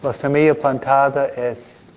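Slow-paced priest, dull muffled recording. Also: male voice, little pitch movement, a little mellow, smooth, in a large hall. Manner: deliberate, with frequent pauses. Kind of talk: Gospel reading and homily. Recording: dull, muffled low-fidelity sound.

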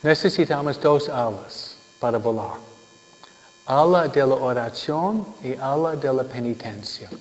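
A male preacher gives a humorous sermon, joking and keeping his audience engaged by repeatedly asking them "¿no?". His mid-range voice is expressive, unhurried and a little mellow, in a dull lo-fi recording from a reverberant hall.

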